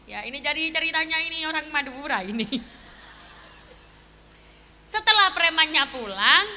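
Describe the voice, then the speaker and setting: A woman preacher, telling a story in a lively sermon and asking her audience questions, at a live religious gathering. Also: high-pitched. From East Java. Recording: echoey live event with faint ambience.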